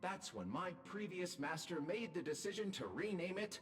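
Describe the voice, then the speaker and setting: A man's voice: high-pitched, very animated, moderate pace, long reverb tail, music in the background. A man voicing a polite robot drink-serving attendant in a game, courteous and formal with a dry wit. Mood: welcoming. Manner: courteous, formal, dryly witty. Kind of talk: game character dialogue.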